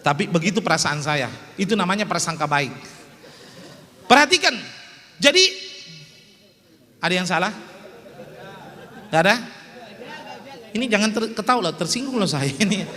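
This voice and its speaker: A man's voice: high-pitched, a little fast, long pauses, bright, forceful tone. A man preaching a humorous sermon in a small prayer hall, joking and teasing his audience.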